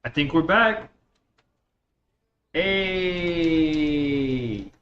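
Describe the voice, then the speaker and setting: Speaking extremely slowly in a voice on the high side, a man chats in slang with viewers as he streams a game. Originally from Russia, he moved to the United States at eleven and keeps a slight accent. His mic is dull and lo-fi, with faint noise.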